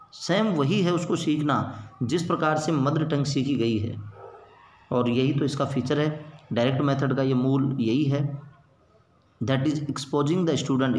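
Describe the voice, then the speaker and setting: A man giving an exam-prep lecture as an English teacher, explaining in Hindi mixed with English terms and repeating points for emphasis. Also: fairly high pitch. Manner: reads English quotations slowly, then glosses them. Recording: echoey room.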